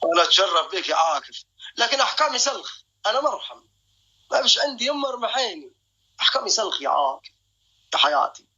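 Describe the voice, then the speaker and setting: A man's voice: high-pitched, sing-song, fast, long pauses, bright, forceful tone, husky, highs cut off. A young man hosting a live stream. He jokes, boasts and keeps calling out to his viewers.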